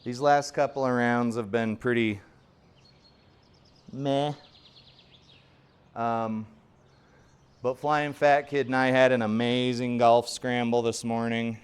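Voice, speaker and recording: A man in his forties chatting through a round in his home golf simulator. His voice is smooth and clear at a middling pitch, and he rambles along in a casual, self-deprecating way. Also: level tone, takes it slowly, pauses often. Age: 40s. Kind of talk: casual play-along commentary.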